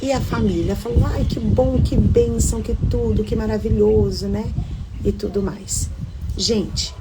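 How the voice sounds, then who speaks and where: A woman's voice: on the low side, very noisy. A woman teacher telling a heartfelt personal story to a women's devotional group, talking casually and expressively and often addressing her listeners directly. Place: home.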